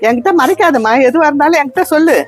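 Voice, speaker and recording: A woman's voice: high voice, lively intonation, very fast. A woman playing a kind stranger who soothes and coaxes a child in a comedy skit. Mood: gentle. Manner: soothing, coaxing.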